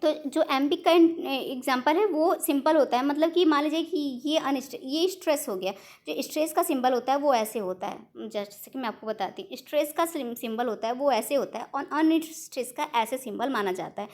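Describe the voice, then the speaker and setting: Lady teacher, high voice, walks thru exam questions slow n step by step, fixes her own slips. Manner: explains slowly in Hindi mixed with English terms, self-correcting. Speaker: English exam coaching teacher. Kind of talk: online exam-prep lesson.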